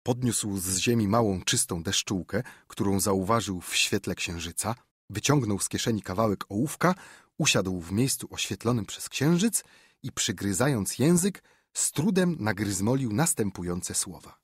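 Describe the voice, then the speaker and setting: A man reading an audiobook as narrator, in measured, even storytelling from close to the mic. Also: on the low side, breathy edge, dry recording. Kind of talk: scripted narration.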